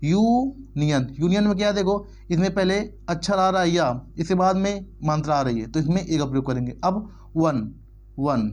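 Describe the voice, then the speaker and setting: A man's voice: high voice, a little mellow. A man teaching English grammar in Hindi, repeating words over and over and spelling them out letter by letter. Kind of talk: explanatory lesson in Hindi.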